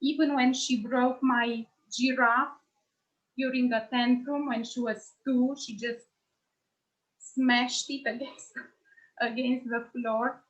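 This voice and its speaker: Woman trainer, high-ish voice, slow and earnest, muffled lo-fi call audio. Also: level tone. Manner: earnest, thoughtful. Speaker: nonviolent communication trainer. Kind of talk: personal reflection in a group call. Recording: dull lo-fi sound.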